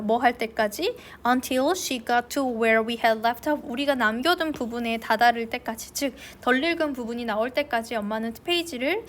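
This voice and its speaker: A woman English teacher reading a novel aloud slowly and clearly, then translating it line by line. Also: sits high. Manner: slow and clear in English, quicker in Korean.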